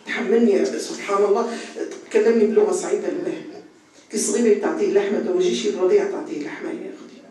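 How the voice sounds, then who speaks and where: A woman's voice: medium pitch, quick pace, warm tone. Earnest Tunisian woman teaching morals, heard from afar in a very echoey hall. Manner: earnest, exhorting, repeats for emphasis. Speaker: religious teacher. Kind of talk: religious lecture on ethics. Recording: echoey hall, far from the mic, faint noise.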